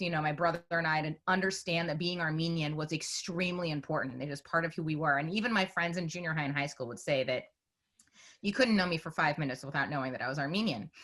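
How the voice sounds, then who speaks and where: Speaking with a lowish, bright, forceful voice, a Northern Californian woman in her forties who makes documentaries gives a conversational panel answer on a video call. She tells her story chattily and meanders, peppering it with "you know."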